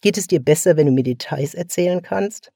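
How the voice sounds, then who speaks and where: A man's voice: on the high side, a little fast, vocal fry, dark tone, dry recording, clean studio sound, pitched above the performer's own voice. A man reading aloud voices a brusque, defensive younger brother who dodges questions. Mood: curt. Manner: brusque, evasive.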